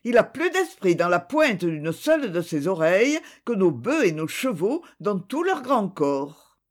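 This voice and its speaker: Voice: medium pitch, big pitch swings, measured pace. A storyteller voicing a clever little farm girl who pleads eagerly to keep her donkey. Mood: pleading. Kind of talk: storybook reading.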